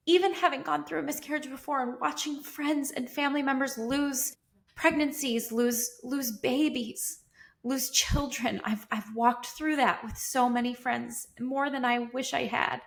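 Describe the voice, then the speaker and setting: A woman's voice: on the high side, unhurried, gravelly, a bit bright. A woman hosting a podcast, telling a personal faith story in an earnest, emotional way. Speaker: podcast host. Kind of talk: candid faith conversation.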